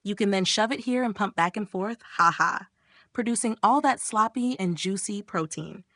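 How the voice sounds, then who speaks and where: A woman's voice: medium pitch, moderate pace, fairly bright tone, no echo, clean studio sound, natural voice. A woman voicing a smug, crude young woman who teases and mocks in a recap of a manga. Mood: teasing. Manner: mocking, crude.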